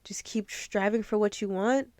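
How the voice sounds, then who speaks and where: In a mid-range, darkish voice at a moderate pace, a young woman gives a casual motivational talk on her own podcast. She sounds earnest and emotional, close to crying at moments, and the audio has no echo.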